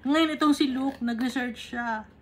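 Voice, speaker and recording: Filipino woman with a higher voice teaching Bible study. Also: a little slow, a little hiss or hum. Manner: reads English verses, then explains them conversationally in Tagalog with tag questions.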